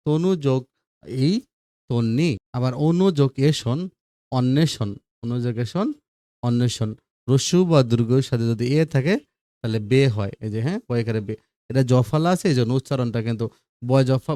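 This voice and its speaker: A male teacher works through grammar examples one after another and keeps checking that his students follow. His voice is mellow and warm. The recording is dry and close. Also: medium pitch, dry recording.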